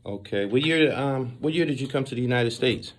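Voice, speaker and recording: A man's voice: medium pitch, brisk. A man interviewing a guest in a casual, playful way, often cutting in with questions.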